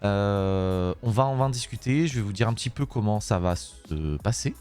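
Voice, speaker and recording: Hoarse streamer guy rambling away, lots of euh, swears at his software, voice all over the place. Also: lowish voice, lively intonation, moderate pace, faint music behind. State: hoarse, voice worn out. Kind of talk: casual live-stream chat.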